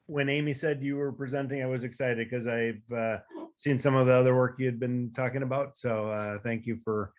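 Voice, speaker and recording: A man's voice: medium pitch, steady tone, a little fast. A man who runs a school introduces himself on a video call. He sounds friendly and rambles a little, with plenty of fillers. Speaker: school director and teacher.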